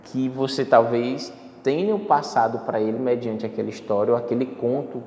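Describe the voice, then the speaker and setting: A man's voice: medium pitch, moderate pace, darkish tone, slight background noise. A man teaching a lesson on public speaking, explaining step by step with frequent fillers and self-corrections. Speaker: instructor. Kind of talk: spoken lecture on public speaking. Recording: echoey hall, faint ambience.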